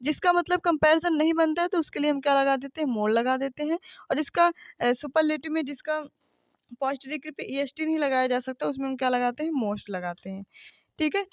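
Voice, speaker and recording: High-voiced woman teaching grammar. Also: a little fast, dry recording, clean studio sound. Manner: explains patiently with rhetorical questions and frequent checks for understanding. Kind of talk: classroom grammar lesson.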